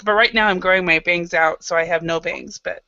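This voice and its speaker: A woman's voice: fairly low pitch, fairly even intonation, a little fast, sharp tone, dry recording, lo-fi sound. A woman from Idaho teaching an online English class, patient and encouraging, with many fillers. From Idaho, United States.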